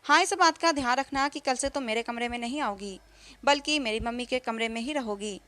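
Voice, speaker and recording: Woman doing a stern young husband, cold, bossy, high voice, dry close sound, storybook narration. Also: fairly quick, a bit bright, no room sound, lightly acted. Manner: cold and commanding.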